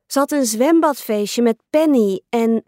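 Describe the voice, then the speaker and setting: Storybook kid sister, small girl, whiny and pleading, high and slow, put on by a woman reader. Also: mellow, no room sound, clean studio sound, close to an everyday voice. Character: whiny pushy little girl, younger sister.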